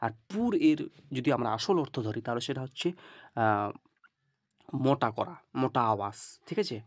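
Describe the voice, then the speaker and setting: A man's voice: medium pitch, animated, normal speed, dry recording. A man teaching Quran reading, spelling out letters and vowel marks step by step and often checking "okay?". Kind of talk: lesson on reading Arabic letters.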